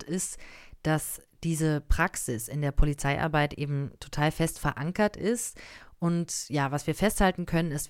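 Low-voiced woman hosting a podcast. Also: smooth, dry recording, studio quality. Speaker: podcast host. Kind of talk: scripted podcast narration.

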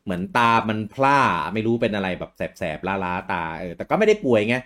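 A man's voice: lowish voice, sing-song, a little fast, fairly bright tone. Thai male livestream host, casual, greets viewers by name, trips over hard names.

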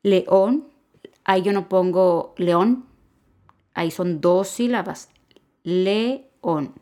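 A woman's voice: lowish voice, slow, darkish tone. A woman giving a podcast grammar lesson, patiently explaining and repeating key points. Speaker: Spanish teacher.

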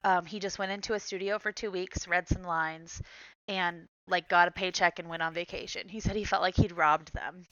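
A woman co-hosting a podcast in casual chat, retelling favorite scenes with lively laughs. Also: fairly low pitch, normal speed, no room sound, dull audio. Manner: laughs often, animated retelling. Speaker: podcast co-host.

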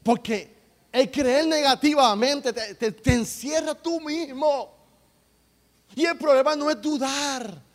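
A man preaching a sermon, swinging between soft, low talk and loud, repetitive outbursts. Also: takes it slowly.

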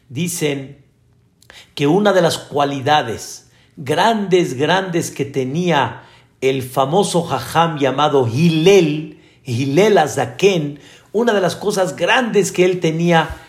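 A man's voice: a little high, a little mellow. A man preaching a sermon as a rabbi, telling stories with animation and asking his listeners rhetorical questions. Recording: echoey room.

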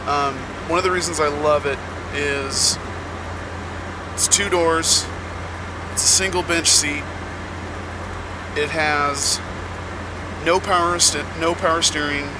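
A man hosting a podcast as a casual, rambling, halting monologue from inside the cab of a truck. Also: a little high. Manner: slow, halting delivery with many pauses. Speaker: podcast host; touring musician. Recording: loud vehicle noise in truck cab. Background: loud vehicle and air noise.

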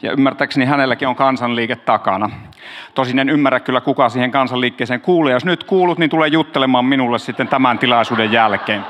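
A man's voice: mid-range voice, a bit bright, long reverb tail, slight background noise. A man preaching in a casual, joking way, talking straight to his congregation as their pastor. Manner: joking, chatty, talks to the audience directly.

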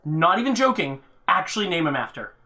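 A man hosting a podcast, chatting enthusiastically and telling a quick story to his co-host. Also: high-pitched, big pitch swings, pushed and bright. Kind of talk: casual banter.

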